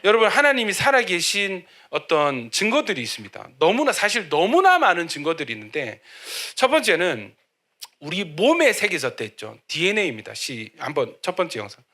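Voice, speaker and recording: A man's voice: high voice, wildly swooping pitch, brisk. A man preaching a sermon as pastor, telling a story and acting out the people in it. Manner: storytelling, acting out quotes, loud cries. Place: church hall.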